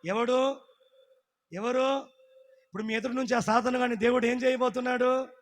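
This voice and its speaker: A man preaching in call-and-response, leading the congregation to repeat lines. He swings from shouted peaks to quiet asides. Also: very high-pitched, steady tone, normal speed. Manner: repeats lines for the crowd to echo. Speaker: pastor.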